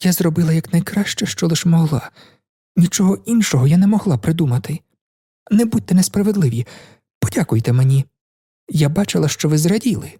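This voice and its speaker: A man's voice: fairly high pitch, lively intonation, brisk, mellow, husky, no echo, clean studio sound, pitched above the performer's own voice. A man reading a novel aloud, voicing a proud, cold young woman in a raised voice with a cool, mocking manner. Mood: impatient.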